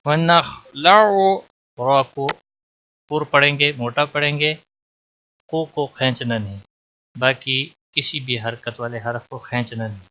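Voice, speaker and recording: A man teaching Quran recitation rules, chanting each phrase slowly and drawn out, then explaining in plain spoken instruction. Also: mid-range voice, steady tone, pushed and bright, a little hiss or hum. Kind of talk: tajweed lesson, chanted examples then explanations.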